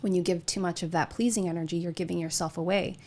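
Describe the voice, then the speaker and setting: A woman in a casual group discussion, speaking in a calm, steady, affirming way. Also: lowish voice, fast.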